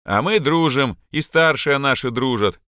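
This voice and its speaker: A man voicing a bossy schoolboy leader who scolds and gives loud orders. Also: mid-range voice, expressive, unhurried, clear, resonant tone, no room sound, studio quality, voice pushed up.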